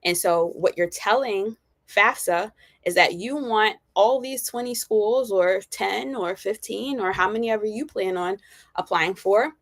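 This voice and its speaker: A woman's voice: mid-range voice, no room sound. A woman in her forties hosting a live college planning session, talking conversationally and often checking in with "right?". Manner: conversational, frequent "right?" tag questions; candid and personable, with fillers. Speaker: college planning advisor and host. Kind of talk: live-streamed informational talk.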